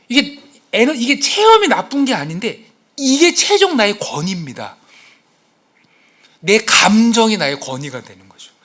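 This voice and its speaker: A male pastor preaching a sermon to his congregation in a church, acting out quotes and asking the listeners questions. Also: high voice. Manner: animated, acts out quotes and exclamations. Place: church sanctuary.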